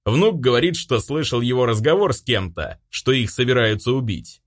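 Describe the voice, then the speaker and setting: A man voicing a stern old grandfather, head of a noble clan, who speaks with booming authority. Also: expressive, moderate pace, natural voice. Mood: grim.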